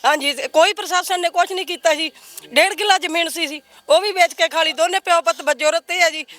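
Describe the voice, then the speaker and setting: A woman's voice: extremely high pitch, brisk, fairly bright tone. An older woman with a Punjabi accent, crying as she pleads for justice for her family, repeating herself. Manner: tearful, pleading, repeats phrases. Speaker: relative of the protester. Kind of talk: distressed testimony.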